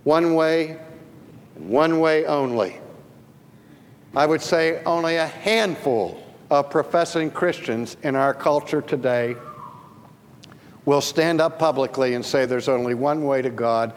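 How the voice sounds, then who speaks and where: A man preaching a sermon, telling a personal story with slow, emphatic phrasing and dramatic pauses. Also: medium pitch. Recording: reverberant hall with faint ambience.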